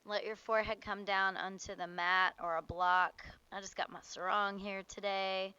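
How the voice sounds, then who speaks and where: A woman instructor guiding a warm-up yoga class outdoors, giving short cues for moves and breath in a casual, playful way. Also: medium pitch, little pitch movement, moderate pace, smooth, no echo, dull audio.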